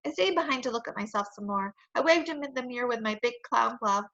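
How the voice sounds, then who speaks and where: A woman reading a children's chapter book aloud in a playful, expressive storytelling manner. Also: a little high, quick pace, muffled recording.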